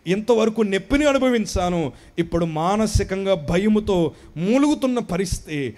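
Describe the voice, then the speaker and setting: A man giving an emotional spoken testimony at a worship gathering, speaking into a handheld mic and swinging between hushed and loud. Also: sits high, lively intonation, normal speed. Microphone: handheld microphone.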